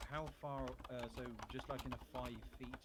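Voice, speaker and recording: A man's voice: medium pitch, flat delivery, normal speed, heavy background noise. Hesitant man playing a tabletop game. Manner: hesitant, thinking aloud. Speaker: player. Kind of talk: casual tabletop game play.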